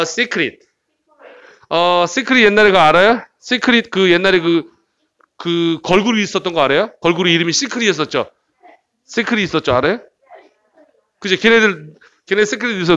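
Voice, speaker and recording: High-voiced playful male English teacher. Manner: playful, jokey, swings between loud bursts and quiet asides. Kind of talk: lively classroom lecture. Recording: dull lo-fi lecture recording.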